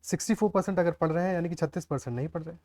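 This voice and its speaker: Speaking very fast in a fairly high, darkish voice, a man runs through a maths lesson step by step. He explains out loud and keeps checking with the class through "clear?" and "okay."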